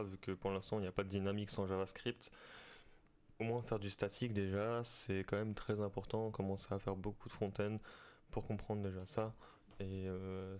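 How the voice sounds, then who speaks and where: A man teaching web development over a screen recording, talking in a halting way with many fillers and restarts. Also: lowish voice, darkish tone. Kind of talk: screen-recorded coding tutorial.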